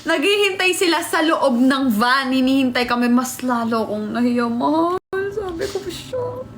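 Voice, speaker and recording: A young woman vlogger telling a story in casual chat, animated and laughing, acting out what people said. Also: sits high, normal speed. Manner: animated, laughing, acts out quotes.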